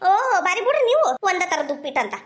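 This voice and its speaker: High shrill squabbling village woman. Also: big pitch swings, fast, a bit bright. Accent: North Karnataka Kannada. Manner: bickering, scolding, playing several village women. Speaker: comedy sketch performer. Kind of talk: village comedy sketch acting.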